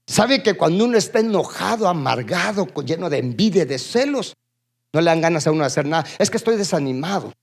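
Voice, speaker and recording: A man preaching a sermon to a congregation. He keeps asking the room questions and calling for responses, swinging between loud bursts and low asides. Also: very animated, fairly quick, gravelly. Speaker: pastor. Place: church.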